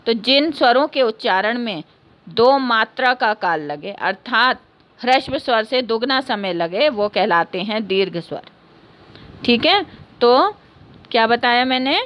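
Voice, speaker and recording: Woman teacher, slightly high voice, patient classroom explaining with many recaps. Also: expressive, a little slow, a bit bright. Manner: patient, repeats key points, asks and answers her own questions; ends points with a checking "okay". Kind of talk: classroom lesson.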